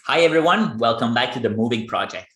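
A man's voice: mid-range voice, animated, fairly quick, fairly bright tone. Man hosting a podcast, echoey room. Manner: earnest, explaining in plain terms. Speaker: podcast host. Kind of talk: podcast interview.

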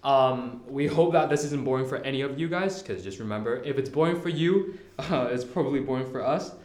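Teen boy co-host, relaxed and jokey, roomy echo. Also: mid-range voice, brisk. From Hong Kong. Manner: laid-back, joking. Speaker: podcast co-host. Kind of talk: casual chat. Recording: echoey room.

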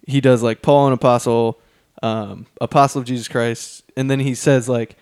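A man's voice: medium pitch, steady tone, moderate pace, a little mellow, clear, resonant tone, dry recording. Man, podcast co-host, casual chat, reads verses aloud, restarts a lot, dry close sound. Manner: reads Bible passages aloud, many ums and restarts. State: out of breath.

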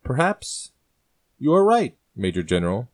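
A man's voice: on the low side, animated, moderate pace, fairly bright tone. A man voicing a sly old rebel who taunts and patronizes his rival. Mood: taunting.

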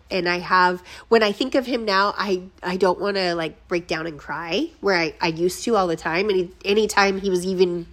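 A woman in her thirties, a podcast host, telling a painful personal story in an emotional, profane, halting way, close to tears. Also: lowish voice, a bit bright.

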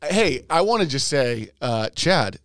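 A man's voice: fairly high pitch, sing-song, measured pace, fairly bright tone, no echo, clean studio sound. Easygoing joking male podcast co-host. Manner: joking, easygoing, plugs the show. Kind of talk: casual podcast banter.

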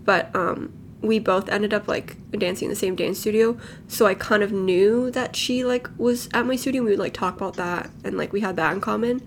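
A nineteen-year-old woman from Los Angeles, California, co-hosts a podcast, chatting casually with friends in a rambling way full of "like" and "um." Her mid-range voice is brisk with hardly any pauses. The home podcast mic sounds lo-fi, with slight background noise.

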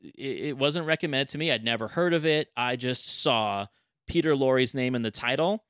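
An enthusiastic male podcast host in casual chat, telling things in an animated way. His voice sits in a mid range and sounds dry and close, with no room around it. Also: mid-range voice, normal speed, dry recording.

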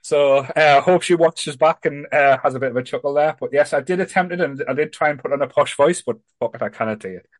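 A man's voice: fairly high pitch, fast, hardly any pauses, no room sound. A man hosting a podcast in casual chat, rambling and self-deprecating. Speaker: podcast host.

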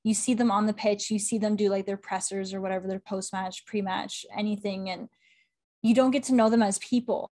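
A young woman from Canada, chatting enthusiastically as an interview guest, full of fillers and quick laughs. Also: mid-range voice, steady tone, darkish tone. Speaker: guest, women's football correspondent. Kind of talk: casual interview chat.

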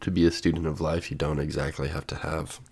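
Sitting at home with his coffee, a congested male podcast host delivers a solo monologue, thinking aloud and reading definitions with plenty of fillers. He talks fast in a very deep, creaky, darkish and slightly rough voice with little pitch movement.

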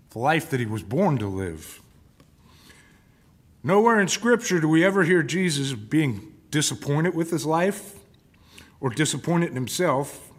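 Guy preaching sunday sermon, chatty, keeps asking the folks questions, voice on the high side. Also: a bit bright. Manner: conversational, asks the congregation questions.

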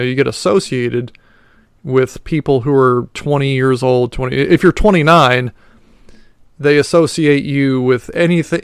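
A man in his late thirties talks through a casual solo podcast. He rambles and pokes fun at himself, with plenty of fillers along the way. His voice is smooth and resonant, recorded dry and close to the mic. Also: medium pitch, no echo. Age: 30s. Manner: rambling and self-mocking, with many fillers. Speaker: podcast host.

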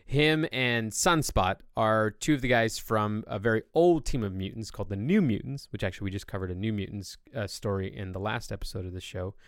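A man's voice: fairly low pitch, brisk, few pauses, dry recording, clean studio sound. A man hosting a podcast, explaining things at length in a casual, enthusiastic way. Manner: long-winded enthusiastic explaining. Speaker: podcast host. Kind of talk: casual chat.

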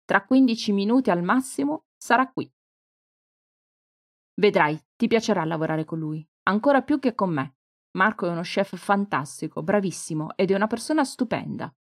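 A woman reading the lines of a lively, warm-hearted woman who runs a bed and breakfast, in an audiobook. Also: medium pitch, moderate pace, no echo, studio quality. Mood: cheerful.

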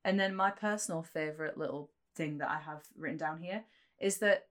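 A woman's voice: sits low, a little fast, a bit bright. A woman co-hosting a casual podcast, chatting and sharing trivia in a jokey, playful way. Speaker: podcast co-host. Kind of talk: casual chat and trivia about a TV series.

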